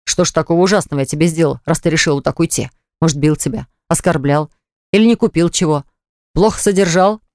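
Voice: medium pitch, fast, a little mellow, no echo, studio quality, natural voice. A reader voicing a blunt, domineering young man who insists on getting his way with his fiancée in an audiobook. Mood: defensive.

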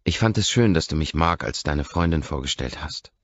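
A male audiobook narrator voices a young woman in love, speaking in a soft, coy and teasing way. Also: extremely low pitch, lively intonation, moderate pace, dry recording, lo-fi sound. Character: young woman, shy yet teasing lover.

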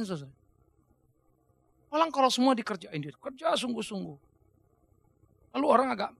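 A man's voice: very high-pitched, vocal fry, a bit bright, no room sound. A male preacher, delivering an emphatic, joking sermon to his congregation.

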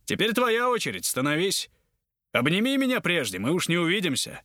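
A man voicing a loud, blustering male army captain in an audiobook, shouting and indignant. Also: high voice, big pitch swings, a little fast, no echo, studio quality, pitched above the performer's own voice, exaggerated voice. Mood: mocking.

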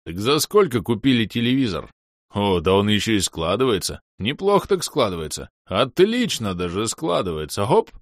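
A man voicing a burly, easygoing male half-orc warrior with a gruff, coaxing manner. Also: lowish voice, big pitch swings, moderate pace, no echo, studio quality.

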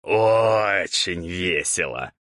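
A man's voice: lowish voice, lively intonation, moderate pace, a bit bright, no echo, studio quality. A man voicing a playful, sly male ghoul mentor who teases his pupil, in an audiobook. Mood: teasing. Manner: teasing, amused. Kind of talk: audiobook character voice.

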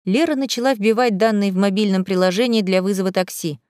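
A woman narrating an audiobook chapter in a lively, expressive reading. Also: medium pitch, fast talker, no room sound. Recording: dry close studio sound.

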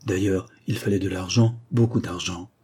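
A man reading a classic novel aloud as an audiobook narrator, steady and measured. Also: low-pitched, slightly rough. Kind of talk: scripted literary narration.

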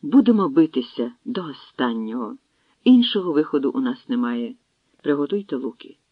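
A man voicing a despairing outlaw chieftain in an audiobook, speaking heavily, slowly and low. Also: very animated, no room sound, narrow, tinny audio. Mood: grim. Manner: heavy, slow and low.

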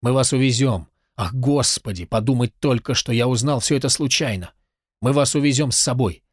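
A man's voice: mid-range voice, moderate pace, breathy edge, dry recording, studio quality, close to an everyday voice. A man reading the lines of an impassioned, grateful young man in a storybook, fervent and insistent.

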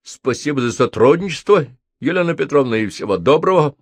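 A man doing a monotone police sergeant. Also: a little high, brisk, no room sound, clean studio sound, pitched above the performer's own voice. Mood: condescending. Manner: monotone, officious, condescending. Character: stern, condescending male police sergeant.

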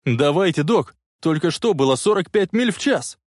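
A man voicing an excitable young man who shouts urgently and frantically to his friend. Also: on the high side, moderate pace, no room sound, clean studio sound. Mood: frantic yelling.

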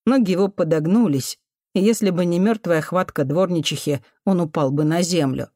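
A woman reading an audiobook with expressive narration. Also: on the low side, normal speed, no room sound, clean studio sound. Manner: expressive storytelling. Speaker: audiobook reader. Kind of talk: scripted narration.

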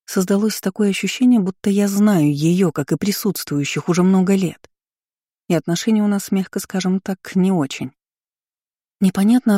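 A woman with a lowish, mellow voice reads a first-person novel aloud at an even storytelling pace. The recording is close and dry, with no room sound around her. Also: dry recording. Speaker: audiobook reader. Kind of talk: first-person audiobook narration.

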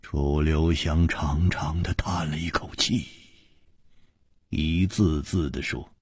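Husky, dramatic male storyteller. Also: extremely low pitch, fairly even intonation, slow pace, no room sound, studio quality. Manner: dramatic, swings between hushed and loud. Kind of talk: traditional storytelling performance.

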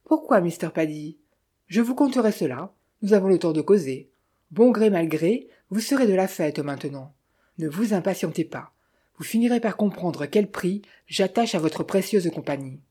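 A woman voicing a sly, smooth-talking male Italian bandit who mocks with false friendliness, in a storybook reading. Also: fairly low pitch, animated, moderate pace, dark tone. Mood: mocking.

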